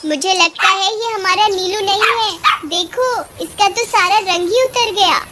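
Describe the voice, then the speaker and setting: A woman playing a doting farmer's wife in a kids' cartoon. She fusses in baby talk and wails, her voice high and swinging widely. A clear noisy hiss runs under the recording. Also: big pitch swings, a little slow, exaggerated voice. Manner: fussing, wailing, baby talk to the dog. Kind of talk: Hindi cartoon voice acting.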